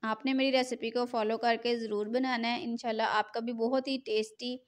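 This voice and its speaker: A woman's voice: on the high side, little pitch movement, brisk. A middle-aged woman, hosting a home cooking tutorial in a chatty, repetitive voice-over. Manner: chatty, repeats filler phrase "jo hai na". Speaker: cooking channel host.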